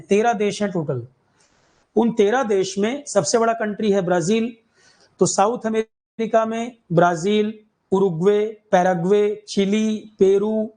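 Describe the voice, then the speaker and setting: A man from India teaching exam-prep current affairs, with a fairly high voice. He drills each fact by repeating it several times and stops to ask his students whether it is clear. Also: darkish tone, rough recording. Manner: repetitive, drills key facts, asks "clear?".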